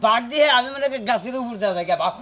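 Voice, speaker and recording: A man's voice: very high voice, lively intonation, racing, sharp tone. A man in comic village banter, mocking and rowdy.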